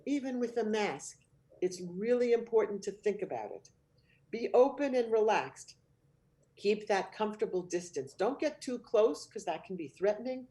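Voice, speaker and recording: A woman giving advice on supporting children in child care, explaining in a calm, earnest way and modeling gentle phrases to say. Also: medium pitch. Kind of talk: instructional webcast talk.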